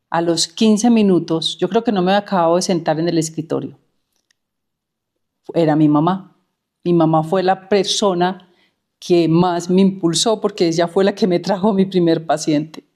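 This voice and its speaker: A woman's voice: on the low side, moderate pace, mellow. A middle-aged woman, a therapist telling her own story in an anecdotal way and repeating words for emphasis. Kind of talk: personal storytelling.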